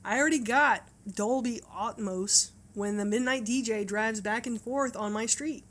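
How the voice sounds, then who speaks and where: A woman's voice: a little high, normal speed, a bit bright. A woman playing a sarcastic, exasperated bystander griping in a comedy parody.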